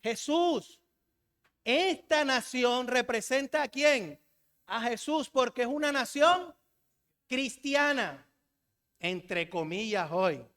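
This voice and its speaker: A man's voice: very high voice, animated, slow, long pauses, sharp tone, in a large hall. A Colombian man preaching a sermon in a church, asking the congregation questions and having them call back the answers.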